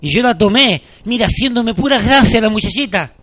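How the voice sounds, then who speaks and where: A man in middle age delivers a sermon, his voice sitting unusually high and ringing bright. He tells stories as he preaches and acts out the people in them with animated delivery. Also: brisk. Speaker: pastor.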